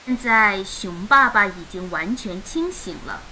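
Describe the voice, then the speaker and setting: Lively, bright woman reading a picture book. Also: mid-range voice, measured pace, a little hiss or hum, low-quality recording. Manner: expressive, animated storytelling. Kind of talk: storybook reading.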